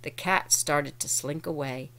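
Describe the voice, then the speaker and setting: Woman storybook reader, low-ish voice, clear and explanatory for kids. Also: unhurried, bright, forceful tone. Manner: clear, explains words as she reads. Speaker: reader of a children's book. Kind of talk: reading aloud to children.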